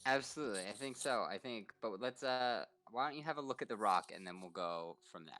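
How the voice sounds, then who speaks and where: A man's voice: on the low side, a little fast, pushed and bright, faint music behind. A man chatting casually as a player in a tabletop game. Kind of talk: casual chat.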